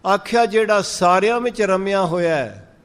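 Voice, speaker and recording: Punjabi guy preaching, stretches out verses then explains, kinda high voice. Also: big-room sound. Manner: chants verses slowly, then explains in lively speech. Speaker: Sikh preacher. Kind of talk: sermon on scripture.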